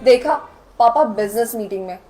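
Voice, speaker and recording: A woman's voice: animated, moderate pace, warm tone, faint music behind, close to an everyday voice. A woman acting a snobbish young woman who scolds and looks down on poor people in a melodramatic skit. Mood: scornful. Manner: scolding, contemptuous, shrill outbursts. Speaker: actor in a short skit.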